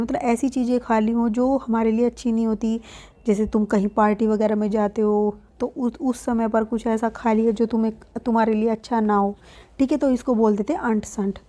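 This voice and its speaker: Woman teacher going over a lesson, kinda high voice, warm and soft. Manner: reads lines aloud, then explains each in simple words; addresses students as "beta". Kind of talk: explaining a school lesson.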